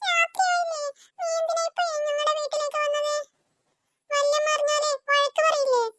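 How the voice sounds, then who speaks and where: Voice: very high-pitched, flat delivery, fairly quick, bright, forceful tone, a little hiss or hum. A performer voicing a bossy young girl in a cartoon who scolds her little brother.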